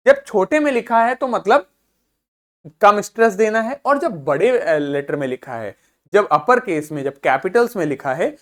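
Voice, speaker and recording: Patient teacher drilling pronunciation. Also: male voice, high voice. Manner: drills words by repeating them slowly, stressing syllables; patient, checks understanding often. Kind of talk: classroom lesson on English pronunciation.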